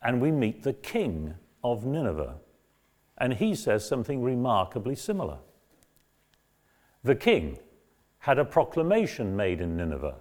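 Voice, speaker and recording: Animated, mellow-voiced man lecturing on scripture. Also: mid-range voice. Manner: measured, explanatory, raises voice when quoting. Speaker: lecturer on the Bible. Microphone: battery-powered mic.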